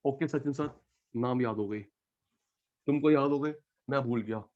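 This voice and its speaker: A man teaching economics in a live classroom lecture, calling on students by name and swinging between loud calls and quiet asides. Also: medium pitch, normal speed, muffled recording.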